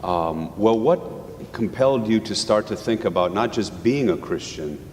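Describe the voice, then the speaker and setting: A man with a very low voice leads the interview, asking questions and nudging the guest along with encouraging prompts. The sound has a long hall echo. A faint rumble runs underneath. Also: lively intonation, moderate pace. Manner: warm, encouraging prompts and short acknowledgments. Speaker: interviewer, host.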